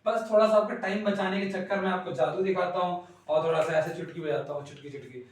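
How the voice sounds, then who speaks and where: A man teaching an online class, playful and rapid, repeating questions and teasing his students. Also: high-pitched, steady tone. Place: classroom with whiteboard. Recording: loud echo, voice from a distance.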